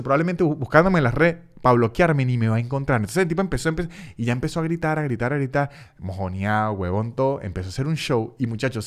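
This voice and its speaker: A Venezuelan man with a Venezuelan accent tells a comic story casually, as a podcast host. He is animated, swears freely and repeats phrases for effect. His voice sits at an ordinary middle pitch. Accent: Venezuelan Spanish.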